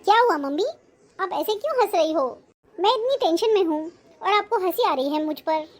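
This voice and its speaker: A woman's voice: very high voice, expressive, a little fast. A woman playing a fretful young married woman. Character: young married woman, anxious and a little self-centred. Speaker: married daughter. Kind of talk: acted Hindi family short film.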